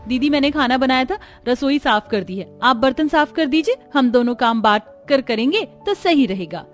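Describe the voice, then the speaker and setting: A woman voicing a pert, sharp-tongued young daughter-in-law in a cartoon story. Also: sits high, expressive, moderate pace, faint music behind. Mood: sweetly cheeky.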